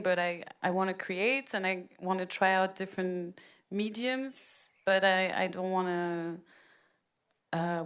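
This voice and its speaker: A woman in her thirties from Rwanda, speaking as a panel guest in a reflective, hesitant way with frequent pauses and laughs. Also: fairly low pitch, fairly bright tone. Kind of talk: panel conversation.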